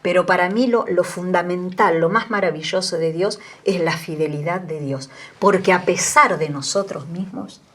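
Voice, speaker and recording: A woman's voice: on the low side, normal speed, few pauses, a bit bright. A woman in her sixties with an Argentine Spanish accent, a guest telling her story with earnest emotion. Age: 60s. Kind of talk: testimony in an interview.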